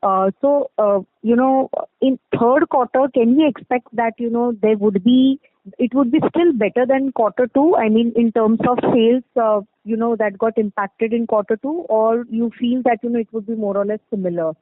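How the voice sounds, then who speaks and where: On a tinny, narrow phone line, a woman with an Indian accent and a fairly high voice asks business questions as an analyst at normal speed. Her phrasing is hesitant and rambling, full of "you know," with no room sound.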